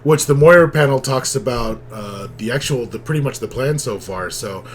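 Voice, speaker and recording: Man, casual co-host, relaxed chat, fillers, faint background hiss. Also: medium pitch, moderate pace. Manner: relaxed, laughs often, many fillers. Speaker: comic book podcast co-host.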